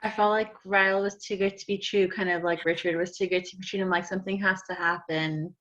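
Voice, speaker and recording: A woman's voice: mid-range voice, steady tone, fast, a bit bright, highs cut off. A woman musing aloud in a casual book club chat.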